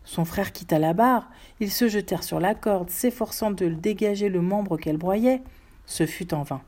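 A woman reading a story aloud in a measured, expressive narration. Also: medium pitch.

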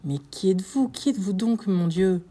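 A woman's voice: medium pitch, normal speed, mellow, natural voice. A woman voicing a tormented middle-aged male prosecutor in an audiobook, crying out in frantic, pleading outbursts. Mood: terrified. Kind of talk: audiobook reading.

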